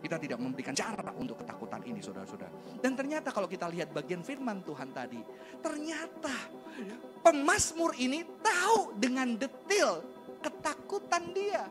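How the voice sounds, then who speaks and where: Male pastor, high and expressive delivery, chatty sermon over background music. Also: normal speed. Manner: animated and conversational, rhetorical questions, slangy asides.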